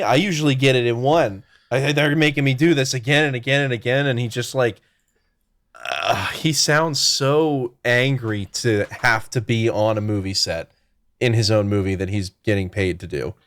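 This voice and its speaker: A man's voice: medium pitch, fairly bright tone, no room sound. A man co-hosting a movie podcast, talking in a wry, understated way. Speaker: podcast co-host. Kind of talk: casual chat.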